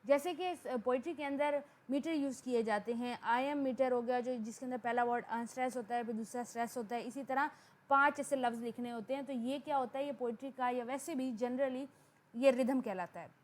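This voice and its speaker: A woman teaching a lecture, who slows down to spell out definitions in English. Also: sits high, steady tone. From Pakistan. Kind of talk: explanatory lecture.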